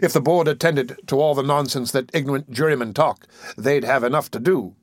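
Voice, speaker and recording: A man's voice: mid-range voice, brisk, no room sound, natural voice. A man voicing a pompous, self-important parish beadle in an audiobook reading. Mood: indignant. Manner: pompous and blustering.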